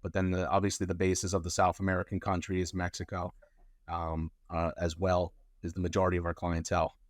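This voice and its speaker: A man with a very deep voice talks casually about his work as a lawyer. He wanders through his answers with fillers and restarts. The sound is close and dry, with no room around it. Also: level tone, brisk, dry recording. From Colombia. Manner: rambling, many fillers and restarts. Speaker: immigration lawyer, guest.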